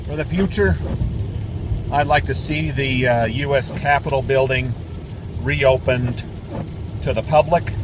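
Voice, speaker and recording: A man's voice: medium pitch, unhurried, pauses often, noisy background. A man delivering a sarcastic, mocking political rant, repeating words in a singsong way. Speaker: political commentator. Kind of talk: ranting monologue.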